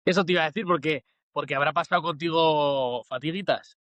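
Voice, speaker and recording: A Spanish man hosts a podcast interview, his voice pitched a little high. He asks questions with some hesitant fillers. The recording is dry and close. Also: brisk, fairly bright tone, no echo. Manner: formal scripted intro, then hesitant questions. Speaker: podcast host.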